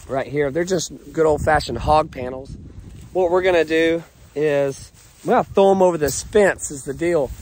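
A man's voice: on the high side, darkish tone. Scratchy-voiced man narrating ranch fence work. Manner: easygoing, explains work step by step. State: scratchy voice from a cold. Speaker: ranch vlogger. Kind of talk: casual outdoor vlog narration. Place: outdoors on a rural property. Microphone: camera-mounted action cam.

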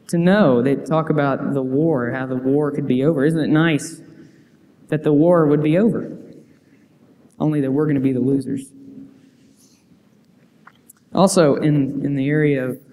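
Preaching earnestly to a reverberant church hall, a young man reads scripture and quotes aloud with frequent restarts. His slightly high, slightly mellow voice keeps a measured pace with many pauses, and he's a youth preacher in the sanctuary.

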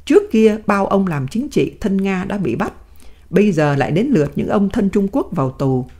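A woman voicing a dignified old male prisoner who speaks in firm, measured sentences. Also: mid-range voice, big pitch swings, mellow, slightly rough.

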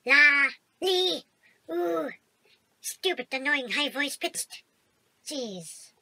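A squeaky, bewildered male puppet hero, played by a woman, keeps wondering aloud what is going on. The voice sits high and swoops widely, at an unhurried pace. It is a homemade puppet comedy with clear hiss behind it. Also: animated, pushed and bright, full character voice. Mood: confused. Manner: bewildered, exclaiming to himself. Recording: noisy home recording.

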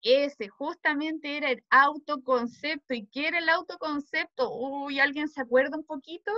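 A woman's voice: sits high, moderate pace, sharp tone, no echo, highs cut off. A woman with a Chilean Spanish accent teaching preschoolers, coaxing them with questions. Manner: coaxing, asks the children questions. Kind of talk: class for small children.

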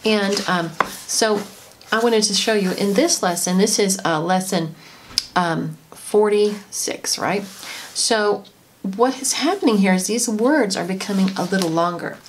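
A woman, a homeschooling mother, gently and chattily explaining a lesson in an instructional tutorial. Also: mid-range voice, unhurried. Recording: noisy home recording.

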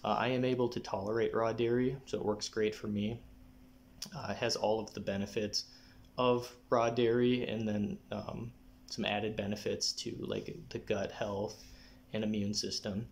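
A young adult man talking casually to camera in a personal update, often clearing his throat. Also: lowish voice, flat delivery, moderate pace. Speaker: vlogger giving a personal health update. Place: small living room, indoors. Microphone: phone or camera at arm's length.

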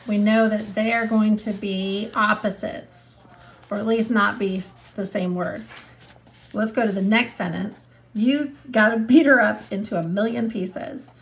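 This elementary school teacher, a woman in her thirties, reads a little slowly in a medium-pitched voice with fairly even intonation. She stresses key words as she explains the passage and questions her students in a read-along lesson.

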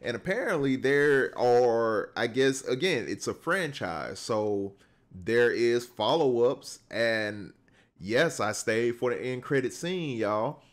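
A man from the Southern United States with a Southern accent streams a movie reaction, chatting casually to viewers with lots of fillers and restarts. His medium-pitched voice is animated, though he takes it slowly.

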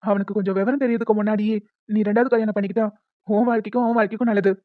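A woman's voice: medium pitch, steady tone, rapid-fire, no room sound, narrow, tinny audio, natural voice. Woman doing a pushy playful young uncle. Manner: persuasive, playful. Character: pushy, joking young brother-in-law. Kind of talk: cartoon voice acting.

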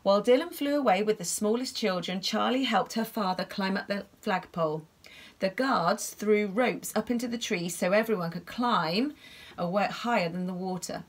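Woman storyteller, bedtime read-aloud for kids, expressive, chatty asides to the listener. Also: medium pitch, normal speed. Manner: expressive, gasping, asks the listener questions about the pictures.

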